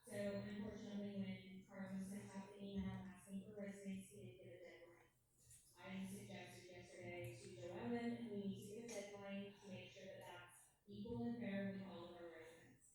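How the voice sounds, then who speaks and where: A woman's voice: medium pitch, steady tone, moderate pace. A woman board member explaining procedure at a meeting in an apologetic way. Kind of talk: meeting discussion. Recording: very echoey room, distant mic, noise.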